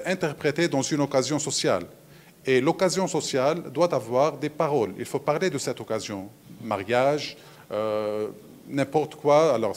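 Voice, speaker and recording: A man, a musicologist explaining things at a round table, with frequent hesitations. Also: mid-range voice. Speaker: musicologist on a panel. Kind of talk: round-table lecture talk.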